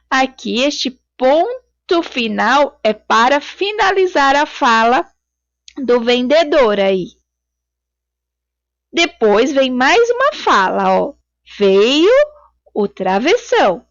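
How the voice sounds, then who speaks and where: A woman teacher giving a recorded video lesson, explaining patiently and slowly to children. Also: high voice, dry recording, muffled recording.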